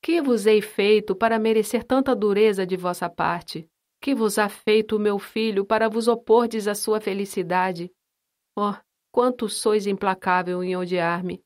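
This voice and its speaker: A woman voicing a gentle, long-suffering noble mother who speaks meekly and plaintively. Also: medium pitch, natural voice. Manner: meek, plaintive and tender.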